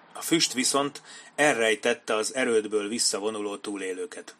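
A man's voice: lowish voice, a bit bright. Man narrating a war audiobook. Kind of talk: scripted narration.

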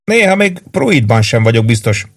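A man's voice: mid-range voice, big pitch swings. A man reading an audiobook, voicing a cocky, wisecracking young soldier at a card game. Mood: needling. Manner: brash, needling, boastful. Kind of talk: audiobook character voice.

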